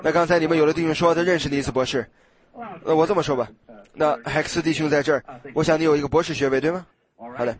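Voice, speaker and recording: A man preaching a sermon in a conversational way, acting out little dialogues and sometimes restarting with drawn-out fillers. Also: on the high side, fairly even intonation.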